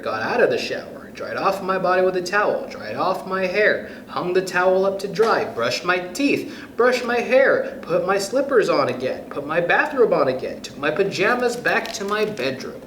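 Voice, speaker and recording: This time his voice is high with big swings in pitch, moving at normal speed with hardly a pause and a slightly bright edge. He's still the man leading children's storytime, reading a picture book expressively and talking to the kids, against roomy echo and faint background noise.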